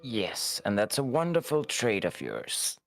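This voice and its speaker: A man's voice: lowish voice, wildly swooping pitch, measured pace, creaky. A man doing casual improvised role-play in a tabletop game, hesitant and often trailing off. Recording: music playing behind the voice.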